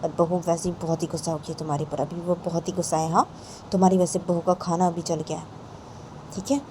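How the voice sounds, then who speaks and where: A woman's voice: on the low side, fairly even intonation, quick pace, noisy background, close to an everyday voice. A woman voicing a stern but caring middle-aged aunt who firmly tells her niece not to go out. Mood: admonishing. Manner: admonishing, firm.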